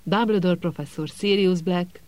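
A man's voice: high-pitched, a little mellow, no room sound, close to an everyday voice. A man voicing an agitated teenage boy who insists urgently in an audiobook.

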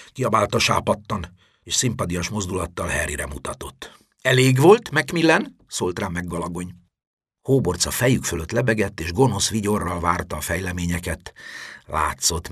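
A man reading an audiobook aloud with dramatic, expressive storytelling that drops low for tension. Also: slightly rough, no echo, clean studio sound. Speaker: audiobook narrator. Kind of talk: expressive scripted narration.

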